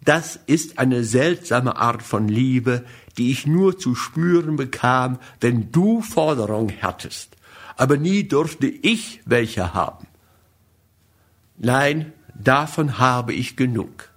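A man reading the part of a weary, embittered wife who speaks in a low, exhausted voice. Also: expressive, takes it slowly. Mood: bitter.

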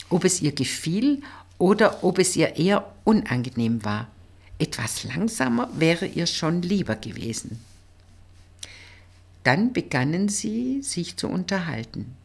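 A woman narrating a novel as an audiobook in an expressive storytelling manner. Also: deep voice, slightly rough.

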